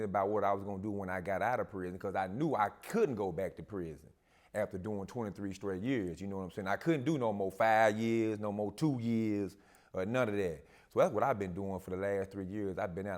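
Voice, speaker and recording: A man with a low voice is a guest on a casual talk show. He speaks calmly and steadily, reflective, with Southern slang.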